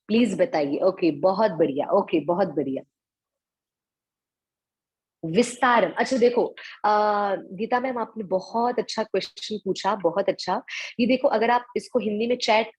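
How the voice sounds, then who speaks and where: A woman's voice: medium pitch, darkish tone, slightly rough. A woman teaching Sanskrit verses in an online class, patiently breaking words apart, repeating lines and mixing English words into Hindi. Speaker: scripture teacher.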